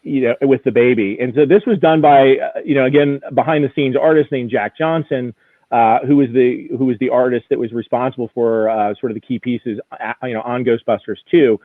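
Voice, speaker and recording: An auction house executive appears as a guest expert on a live show, previewing collectible items with conversational enthusiasm. His medium-pitched voice moves briskly with fairly even intonation, with no room sound but a narrow, phone-like, radio-style quality.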